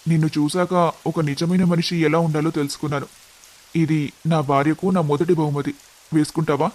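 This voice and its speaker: A man voicing an earnest, devoted young husband in an animated family story, speaking with strong emotion. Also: fairly high pitch, fairly quick, lightly acted.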